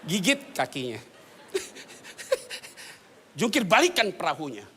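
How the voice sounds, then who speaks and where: Animated, joking man preaching a sermon. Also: sits high, takes it slowly, a little hiss or hum. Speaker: pastor. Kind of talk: lively sermon. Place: church.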